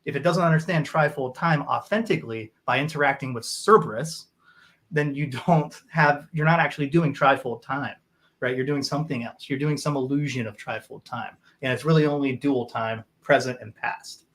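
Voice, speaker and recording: A man's voice: mid-range voice, moderate pace, fairly bright tone. A man, a guest author, explaining his ideas in conversation, rambling with restarts and checking in with "right?".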